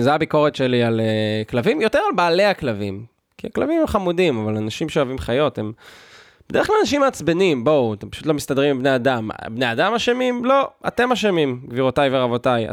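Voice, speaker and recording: A man's voice: fairly high pitch, vocal fry, no room sound, studio quality. A man hosting a podcast, delivering a sarcastic, mock-outraged comedic rant in a loose, talky way with fillers and restarts. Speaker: podcast host.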